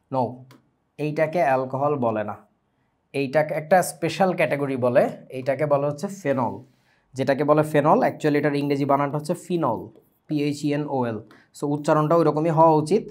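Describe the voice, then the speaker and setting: A young man with a Bangladeshi Bengali accent leads an online chemistry lesson at a rapid clip. His voice sits a little high, and he keeps tossing questions to his students and slipping English words into his explanations. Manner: lively, asks students questions often, mixes English words. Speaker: chemistry teacher. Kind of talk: online class lecture.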